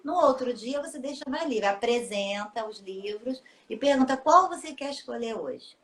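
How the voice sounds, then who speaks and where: A woman who is a teacher and children's book author speaks in a fairly high, animated, slightly bright voice at a moderate pace. In a casual live interview, she explains things patiently and often ends with tag questions.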